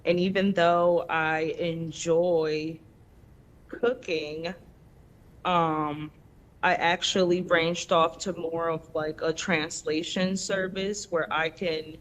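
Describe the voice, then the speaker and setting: A woman in her thirties from the Dominican Republic, a native Spanish speaker, speaking unhurriedly in a lower voice. She talks as a relaxed interview guest, with frequent pauses. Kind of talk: casual interview talk.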